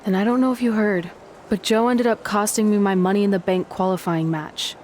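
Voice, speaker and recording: A woman's voice: mid-range voice, fairly even intonation, fairly quick, a little mellow, slight background noise, lightly acted. An actress playing a blunt, sarcastic young female wrestler in a video game, dry and matter-of-fact.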